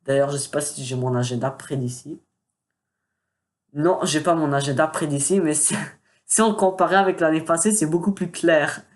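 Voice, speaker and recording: A man's voice: fairly high pitch, normal speed. Chatty young gamer guy rambling to camera. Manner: hesitant, many fillers, self-mocking asides. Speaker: gaming YouTuber. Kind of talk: casual channel announcement vlog. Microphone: desktop USB microphone with pop filter.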